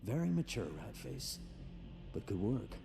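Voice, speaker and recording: An actor playing a stern video game police lieutenant with a dry, sarcastic, commanding manner. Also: male voice, lowish voice, big pitch swings, unhurried, vocal fry, full character voice. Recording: music behind the voice.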